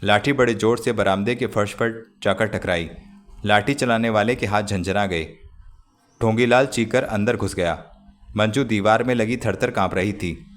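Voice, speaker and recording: Male audiobook narrator, low voice, measured novel reading. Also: soft background music. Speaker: audiobook narrator and channel host.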